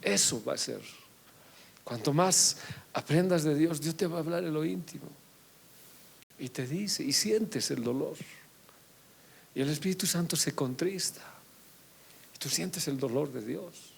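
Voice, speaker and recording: A middle-aged man preaching a confessional, emotional sermon that swings from loud to hushed. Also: fairly high pitch, lively intonation, measured pace, creaky, pauses often, breathy edge.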